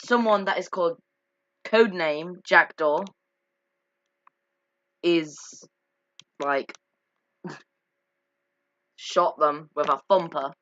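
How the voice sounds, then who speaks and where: A video creator commentates on game cutscenes in a casual, unscripted way, speaking hesitantly, often correcting and putting themselves down. The mid-range, fairly bright voice moves extremely slowly with frequent pauses. It's captured dry, without echo, on a slightly dull lo-fi home mic.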